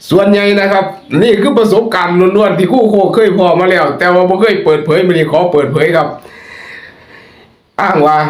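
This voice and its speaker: A middle-aged man with an Isan accent, hosting a chatty, joking monologue and laughing often. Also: fairly high pitch. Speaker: host. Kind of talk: casual monologue. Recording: echoey room.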